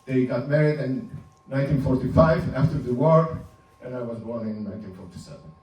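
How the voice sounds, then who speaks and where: His voice here is mid-range with a darkish tone, as the seventy-something Ladino speaker from Turkey gives his casual slide talk. Small chuckles punctuate his halting restarts, and a faint hum runs through the roomy, far-off recording.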